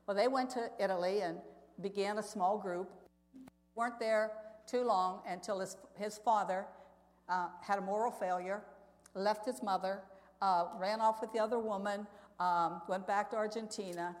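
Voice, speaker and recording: A woman speaking as a missionary gives an earnest, conversational church testimony, telling stories and putting questions to her listeners. Her voice is medium-pitched with fairly even intonation at a normal speed, and the recording sits in an echoey hall with long reverb.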